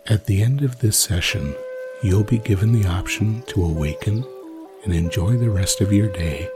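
Music plays behind a man with a lowish voice as he slowly and soothingly tells a sleep story for guided meditation, letting long pauses fall between phrases.

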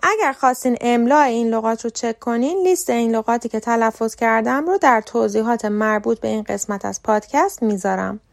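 Clear, careful woman podcast teacher. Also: on the high side. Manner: clear, careful, slow word-by-word spelling of examples. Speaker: podcast host, English pronunciation teacher. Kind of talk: scripted podcast lesson.

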